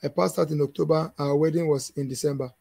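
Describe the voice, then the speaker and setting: A man's voice: a little high, fairly even intonation, fast talker, gravelly, dark tone, dry recording. A man in his thirties with a Nigerian English accent, answering questions as a conference speaker in an emphatic, preachy way, often laughing.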